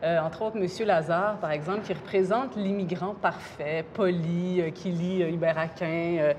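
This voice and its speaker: A woman's voice: on the low side, steady tone, moderate pace, a little mellow, slight background noise. A woman hosting an interview, asking engaged questions and giving brief affirmations. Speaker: interview host. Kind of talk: interviewing guests.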